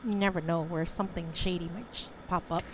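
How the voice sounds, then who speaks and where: A woman reading a brisk coast guard officer giving a businesslike briefing, on a noisy recording. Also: lowish voice, fairly even intonation, natural voice.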